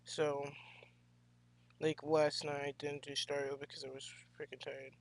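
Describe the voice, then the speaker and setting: A teenager chats casually while commenting on the video game he's playing, his mid-range voice monotone and a little slow. Faint game music plays in the background.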